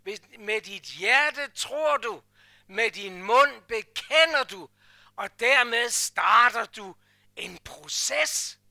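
A man preaching a sermon, emphatic, swinging from hushed asides to loud repeated declarations. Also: very high-pitched, lively intonation, no echo, clean studio sound. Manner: repeats phrases in a rhythmic build.

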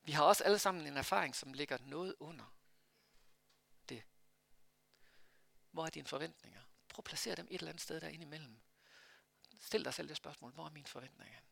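A male preacher gives a sermon in a loose, conversational way, asking his listeners one question after another. His voice is somewhat high and bright, with a gravelly edge. The recording sounds dry and close. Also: pauses often, dry recording. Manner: conversational, rhetorical questions, frequent hesitations.

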